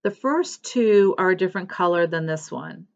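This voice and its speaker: A woman's voice: lowish voice, expressive, moderate pace, vocal fry, lo-fi sound. A woman chatting casually as a cross-stitch vlogger, rambling a little and correcting herself as she goes. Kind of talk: casual show-and-tell chat.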